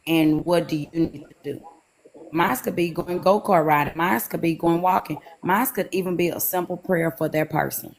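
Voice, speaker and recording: A woman's voice: deep voice, slight background noise, poor audio. Woman on a glitchy call cutting out. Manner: repeats phrases in lists, frequent restarts. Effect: choppy, cutting-out call audio. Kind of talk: casual advice talk. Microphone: video call.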